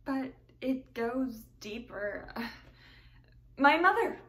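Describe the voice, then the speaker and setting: A young woman playing a heartbroken heroine in a stage monologue, pleading haltingly with tragic sorrow, torn and earnest. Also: sits high, lively intonation, fairly bright tone, heavily acted. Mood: anguished pleading. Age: young adult. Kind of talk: dramatic theatre monologue. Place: small plain room, indoors. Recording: distant mic, faint room noise.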